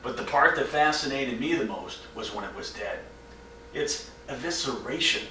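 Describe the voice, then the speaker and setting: An actor playing a brooding, haunted grown man in a dramatic monologue, measured and hushed at times, urgent at others. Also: medium pitch, expressive, slight background noise. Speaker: stage actor. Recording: roomy echo from mic distance.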